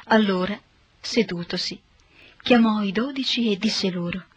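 A woman narrating a scripted Bible reading in a steady, measured way. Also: mid-range voice, husky, no room sound.

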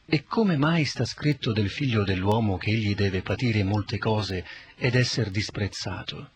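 A man reading the words of Jesus as a calm, authoritative teacher in a scripted Bible reading, solemn and measured. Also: lowish voice, natural voice. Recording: dull lo-fi recording.

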